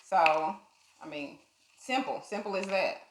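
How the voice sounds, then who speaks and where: Low-voiced woman talking plainly, echoey room. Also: a little slow, background noise. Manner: calm, matter-of-fact, plainly explaining. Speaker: podcast co-host. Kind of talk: casual conversational chat.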